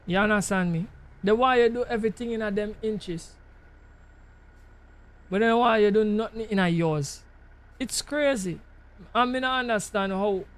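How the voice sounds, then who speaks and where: A man with a Jamaican accent, hosting a gaming channel, rambling casually over gameplay and keeping checking in with the listener. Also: high voice. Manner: musing, keeps checking in with the listener. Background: truck driving game sounds.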